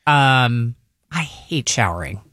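A woman co-hosting a morning radio show, chatty and animated in casual banter. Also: extremely low pitch, slow pace, slightly rough, no echo, clean studio sound. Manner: chatty, animated, laughs easily.

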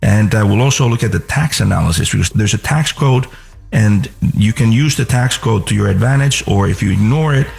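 A man's voice: on the low side, fairly quick, gravelly, darkish tone, faint music behind. A middle-aged man from Finland, a financial advisor hosting a radio show, talking casually with many fillers and repeated words.

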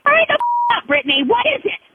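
A mother heard over a telephone line, exasperated and quick to anger, constantly interrupting. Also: extremely high pitch, very animated. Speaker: mother taking a prank collect call. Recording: tinny noisy phone line.

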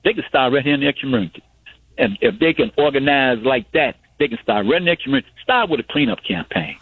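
A man in his sixties phones a radio call-in debate, arguing insistently and repeating himself to press his points. His mid-range, husky voice is animated and fast. The tinny phone line carries no room sound.

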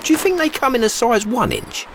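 A man's voice: extremely high pitch, very animated, fairly quick, a bit bright, a little hiss or hum, full character voice. A man voicing a tiny, cheerful male lizard mascot who breezily offers roadside help in a radio ad, chummy and calling people mate. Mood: teasing. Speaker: roadside insurance helper. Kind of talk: radio ad acting.

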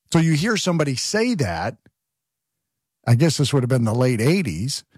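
A man's voice: on the high side, a little mellow, breathy edge, no room sound, studio quality. A man hosting political talk radio, chatting in a sarcastic, conversational way and putting questions to the listeners.

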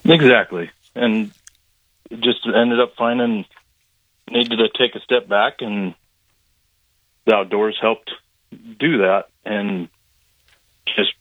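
A male guest author calling in on a phone line that breaks up and cuts out, speaking in halting, trailing fragments. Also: lowish voice, dry recording. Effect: phone line breaking up and cutting out. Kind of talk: casual call-in chat. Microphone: phone call. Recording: tinny dry phone line.

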